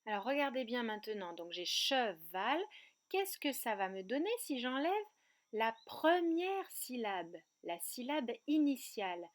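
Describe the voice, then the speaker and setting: A woman teaching a remote kindergarten lesson, speaking slowly and clearly and breaking words into syllables. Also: a little high, lively intonation. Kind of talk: remote lesson for young children. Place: outdoor terrace at night.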